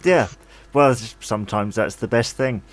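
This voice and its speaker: Easygoing podcast host. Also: male voice, fairly low pitch, moderate pace, a crowd in the background. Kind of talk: casual chat, hosting quiz rounds.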